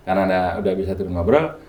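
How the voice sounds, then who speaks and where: A man, a guest healer, telling a story in casual chat, lively and acting out the dialogue he quotes. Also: deep voice. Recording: echoey room with faint music.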